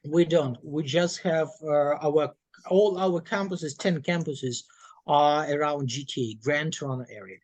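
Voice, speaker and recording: A woman's voice: deep voice, a little slow, darkish tone, no echo. Dry-sounding woman presenting for a college. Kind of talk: informal anecdotal explanation. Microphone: video call.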